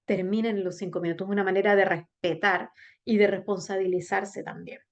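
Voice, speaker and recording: A woman teacher giving a class on public speaking, talking straight to her students and checking in with "¿bien?", with big swings in pitch and slow, sung-out demonstrations. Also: fairly even intonation. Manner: addresses students directly with frequent "¿bien?" check-ins. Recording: dull lo-fi recording.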